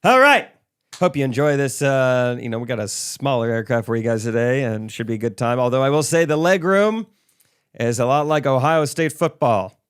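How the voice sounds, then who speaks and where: A man voicing a loud, showy male flight attendant who makes sing-song, cheerleading announcements. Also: mid-range voice, animated, moderate pace, clear, resonant tone, natural voice. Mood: joking announcer.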